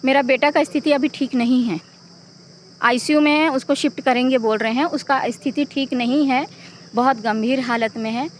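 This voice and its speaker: A woman's voice: high voice, steady tone, normal speed, a little hiss or hum. A middle-aged woman, the mother of a victim, giving an urgent, pleading eyewitness account in a news interview.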